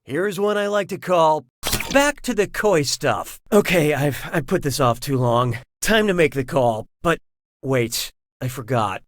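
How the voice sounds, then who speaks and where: Theatrical, swooping quiz show host. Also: male voice, on the high side, animated, unhurried, slight background noise. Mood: showy. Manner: theatrical, wry, swinging between announcing and awkward asides. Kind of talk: scripted comedic game show hosting. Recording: loud music behind the voice.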